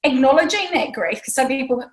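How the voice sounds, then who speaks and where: A woman's voice: sits high, expressive, brisk, low-quality recording. A woman hosting a casual interview chat, talking freely with many ums and restarts. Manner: chatty, lots of ums and restarts. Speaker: talk show host.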